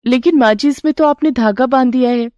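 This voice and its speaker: Woman voicing a bright, eager young daughter-in-law. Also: high voice, fairly quick, no room sound, dull audio, pitched above the performer's own voice, close to an everyday voice. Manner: bright, excited, wondering. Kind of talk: storybook character voice.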